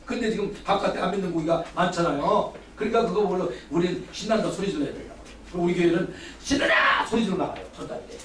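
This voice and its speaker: A male pastor giving a lively sermon lecture, exuberant and loud, often shouting and leading the congregation in call-and-response. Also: high voice, fast, few pauses. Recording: roomy hall from far off, faint background noise.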